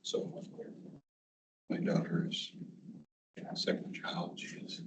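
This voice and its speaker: A middle-aged man chatting casually, relaxed, often trailing off. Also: very slow, background noise. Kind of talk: casual chat.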